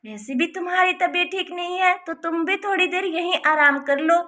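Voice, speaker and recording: A fussy village auntie voiced by a woman frets and scolds in a very high, bright voice. She talks in a plain rustic way, always worried about someone. It is a doll-story voice, lightly acted. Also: normal speed. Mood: fussing. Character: fretful older village aunt, fussy and talkative. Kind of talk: Hindi doll-story voice acting.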